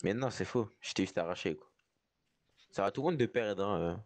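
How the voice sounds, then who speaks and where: A man putting on a deep gruff slangy dude. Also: lively intonation, fairly quick. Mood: dismissive. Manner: slangy, dismissive.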